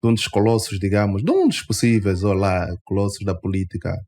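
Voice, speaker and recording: A man with an Angolan Portuguese accent, speaking as a guest in a radio studio interview, emphatic and climbing sharply in pitch when he is indignant. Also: a little fast, darkish tone. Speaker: interview guest, party member.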